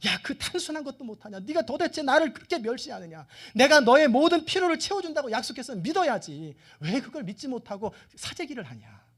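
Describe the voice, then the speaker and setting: A man voicing God as a stern, scolding figure who rebukes his people in a loud, raised voice. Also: very high voice, big pitch swings, a little fast, hardly any pauses, voice pushed up, heavily acted. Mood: angry, rebuking.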